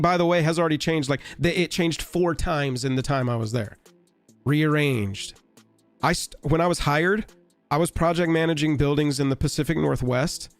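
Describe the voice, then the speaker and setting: A man with a hoarse, raspy voice from a recent illness chats casually to his live-stream audience, sitting a little higher in pitch than most men. He talks in a rambling, wry, offhand way, with faint music playing softly behind him. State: sick, hoarse.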